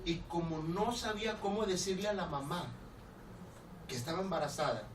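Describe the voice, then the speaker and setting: A man with a Mexican accent preaching a storytelling sermon as a pastor, animated and laughing, acting out the people in his story. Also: high voice, normal speed. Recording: roomy, distant church recording with background noise.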